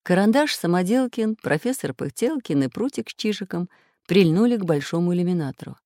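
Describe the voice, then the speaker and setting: A man narrating a children's adventure audiobook with expressive storytelling. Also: high-pitched, brisk, no echo.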